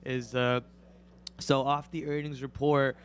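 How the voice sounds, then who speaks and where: Hoarse from a cold, this young day trader co-hosts a live stream, narrating his trades and shouting out prices as they shift. He delivers fast, excited play-by-play, and his voice climbs louder and higher when a stock jumps.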